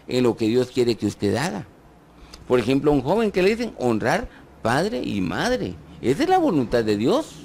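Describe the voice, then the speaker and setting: A man's voice: on the high side, slight background noise. A man with a Guatemalan accent preaching a sermon, asking his listeners rhetorical questions and joking with them. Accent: Guatemalan Spanish. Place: church.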